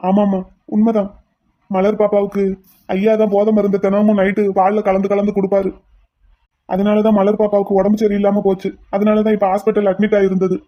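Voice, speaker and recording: Fast-talking desperate cartoon brother, voiced by a performer. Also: mid-range voice, monotone, dull audio, close to an everyday voice. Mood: accusing. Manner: shouting in anger, then pleading tearfully. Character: hot-tempered man, desperate brother turned penitent. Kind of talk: cartoon voice acting.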